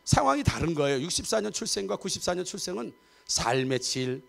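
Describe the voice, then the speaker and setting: In the church sanctuary, a fifties-aged pastor delivers his Sunday sermon with jokes, chatty asides to the audience, and frequent checks for the congregation's agreement. His high, fairly bright voice swings widely in pitch, moves fairly quickly, and has a creaky edge.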